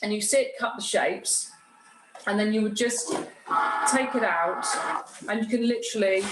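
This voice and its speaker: At a moderate pace and in a mid-range voice, a guest craftsperson explains how to use a cutting machine, taking each step in turn with an informal, down-to-earth manner. The sound is echoey, with clear background noise.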